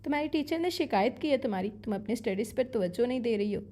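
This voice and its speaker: A stern, aloof young husband who talks in short, cold, scolding lines, read by a woman in her own voice. The voice stays fairly high throughout. He sounds commanding and distant. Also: animated, warm tone, close to an everyday voice.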